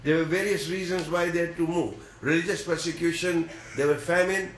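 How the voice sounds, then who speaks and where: A man from East Africa preaching a religious sermon, earnest and measured, with deliberate pauses. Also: a little high, fairly even intonation, a bit bright, roomy sound, slight background noise, rough recording.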